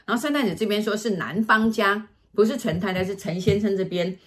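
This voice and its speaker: A woman's voice: medium pitch, fairly quick. A woman, a fortune teller telling a client's story in casual chat, acting out scenes as she goes. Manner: animated, acts out scenes with sighs and gestures.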